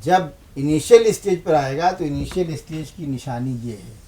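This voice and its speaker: A man's voice: on the high side, mellow, a little hiss or hum. A man teaching the Urdu script in a lesson, patiently asking questions and answering them himself, repeating points for emphasis. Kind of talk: televised language lesson.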